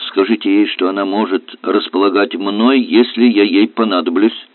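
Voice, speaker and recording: A man just roused from sleep talks in a brisk, concerned way in an audiobook, as a male narrator voices him. His voice is fairly low. The recording is dry and tinny, like a phone line. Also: steady tone, dry recording, lightly acted.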